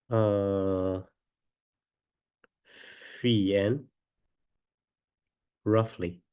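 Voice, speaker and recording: A man lecturing on a mathematical proof step by step, with a stuffy nose from a cold and a halting, deliberate delivery. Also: on the low side, a little mellow.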